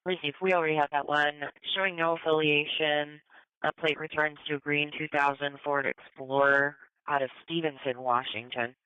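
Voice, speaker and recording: A man's voice: fairly high pitch, little pitch movement, normal speed, smooth, no echo. A man, a police officer in the field, giving clipped, matter-of-fact reports over a police radio. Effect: police radio transmission. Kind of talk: terse radio call codes. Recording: tinny, dry police radio.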